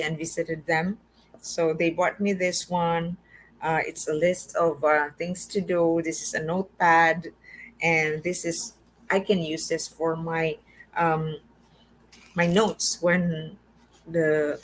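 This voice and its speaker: A woman with a Filipino accent hosting a casual show-and-tell vlog, chatty and halting, with many fillers and restarts. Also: fairly low pitch, a little hiss or hum, rough recording. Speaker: host.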